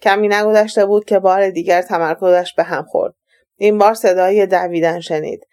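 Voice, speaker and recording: A woman narrating an audiobook in a steady, even reading voice. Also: medium pitch. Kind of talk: scripted narration.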